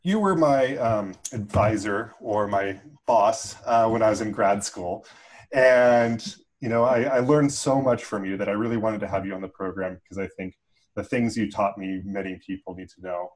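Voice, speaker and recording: A man with a fairly low voice hosts an interview program. He introduces his guest and asks his questions thoughtfully, with some hesitant fillers along the way. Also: moderate pace, poor audio. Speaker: host. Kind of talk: podcast interview.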